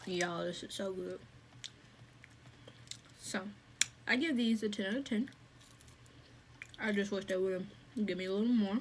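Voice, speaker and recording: A woman films a casual mukbang, chatting away between bites and often talking with her mouth full. Her voice sits at a plain middle pitch. A fan hums faintly in the background. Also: unhurried, long pauses. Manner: chatty, talks while eating with mouth full. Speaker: food vlogger. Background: faint fan hum.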